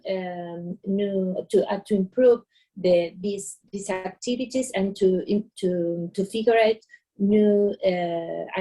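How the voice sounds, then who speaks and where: Halting woman introducing herself. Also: medium pitch, mellow, poor audio. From Argentina. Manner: halting, many restarts and fillers. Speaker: ministry coordinator, course participant. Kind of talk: self-introduction on a video call.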